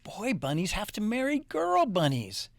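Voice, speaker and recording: Man doing a bossy stink bug, booming, high and shouty, slow and pompous, dry close sound. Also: wildly swooping pitch, creaky, dry recording, exaggerated voice. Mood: haughty.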